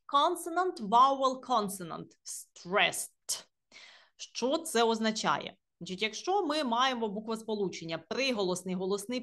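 A young woman teaching English grammar in a video lesson, reading example sentences slowly and then explaining them patiently. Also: mid-range voice, a bit bright.

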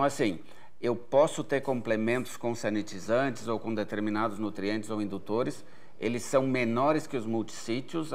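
In an expert Q&A recorded on stage at an event, a forty-something Brazilian man who researches agronomy responds to viewers' questions. He speaks at a medium pitch, explaining things methodically and hesitating often with fillers.

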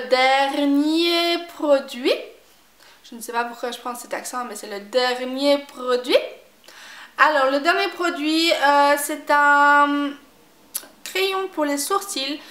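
A woman chatting casually about makeup she has used up, repeating herself and filling pauses often. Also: high voice, a bit bright, roomy sound. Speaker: beauty vlogger. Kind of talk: casual product review chat.

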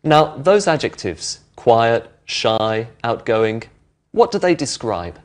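Brief: male teacher, middle-aged, lively intonation, patient. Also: medium pitch, slow. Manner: clear, patient, explanatory. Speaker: presenter of an English lesson. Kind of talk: friendly teaching explanation. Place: indoor studio with brick walls.

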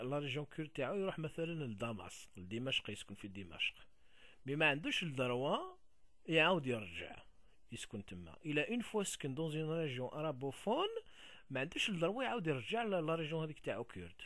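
A man from Algeria with an Algerian Arabic accent, explaining things casually in a halting way, often repeating words and switching into French. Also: on the high side, big pitch swings, fairly bright tone, no room sound.

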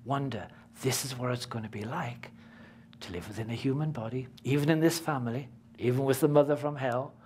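A British man voicing a newborn baby's inner thoughts in a gentle, musing way. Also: mid-range voice, brisk, slight background noise, close to an everyday voice. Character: wondering newborn baby deciding to try life.

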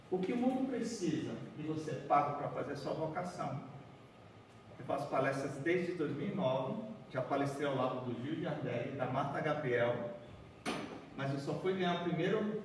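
Man, 40s, workshop talk, chatty, keeps asking the group, faint room noise, distant camera. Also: fairly high pitch. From Bahia, Brazil. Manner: chatty, keeps asking "né?" and "certo?", walking and folding paper. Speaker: origami speaker. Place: large dim conference room. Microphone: far room camera, no mic seen. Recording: echoey hall heard from far off.

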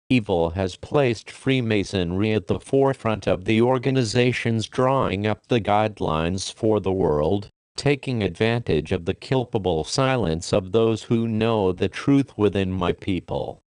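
A man giving a solemn, measured scripted reading of a religious message, slowing down for the scripture references. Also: on the low side, a little mellow, dry recording, clean studio sound. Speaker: reader of a religious prophecy message.

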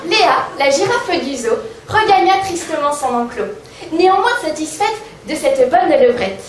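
High-voiced woman telling a rhyming comic tale. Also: sing-song, a little slow, noisy background. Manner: sing-song, mock-innocent. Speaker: comedian. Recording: echoey stage sound from far off.

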